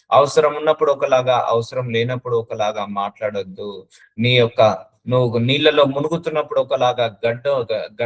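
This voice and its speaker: A man's voice: medium pitch, poor audio. A middle-aged man preaching a sermon in an emphatic, repetitive way. He drives each point home by saying it again and again. He drops English words into his speech as he goes. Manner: emphatic, repeats phrases, mixes in English words.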